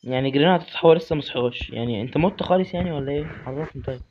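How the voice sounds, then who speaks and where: A young man with an Egyptian Arabic accent, giving loud, excitable commentary on a horror game and yelling at its characters. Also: on the high side, rapid-fire, dull audio, a little hiss or hum. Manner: excitable, talks to game characters and swears at them. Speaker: gamer.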